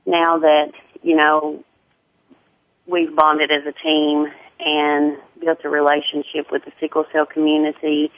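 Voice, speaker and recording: A woman with a deep Southern US accent, talking casually as a guest in an interview. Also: completely flat delivery, measured pace, no room sound. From Tennessee. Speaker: guest, sickle cell awareness advocate. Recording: muffled narrow phone-like line.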